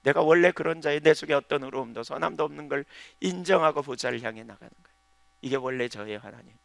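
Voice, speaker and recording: A man pastor preaching a sermon, swinging from loud emphatic lines to hushed, pleading prayers. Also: fairly high pitch, quick pace, vocal fry, no room sound.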